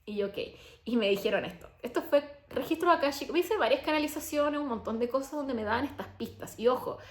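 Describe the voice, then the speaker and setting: A young adult woman and coach telling her personal story in a chatty, animated way, full of "o sea" and "como". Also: high voice, fast talker. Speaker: abundance coach and podcaster. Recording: roomy echo.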